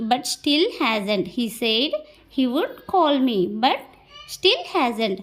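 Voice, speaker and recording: A woman with a Telugu accent teaching spoken English, reading each example slowly and then explaining it quickly in Telugu. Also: high voice, fairly bright tone.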